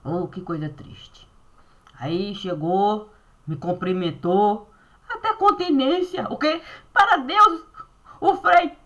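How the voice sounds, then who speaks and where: A woman telling a personal story in a playful, animated way, acting out the dialogue. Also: mid-range voice, slow, dull audio.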